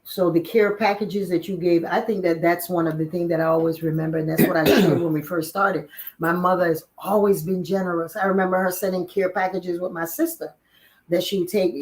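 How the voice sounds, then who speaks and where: An older woman from Panama interviewing her mother, warmly encouraging her and filling in and rephrasing her answers. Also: on the low side, low-quality recording. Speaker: interviewer, daughter. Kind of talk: casual family interview.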